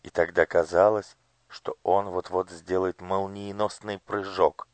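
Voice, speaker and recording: A man narrating a children's storybook in a calm, measured reading voice. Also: sits low, no echo. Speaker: audiobook narrator.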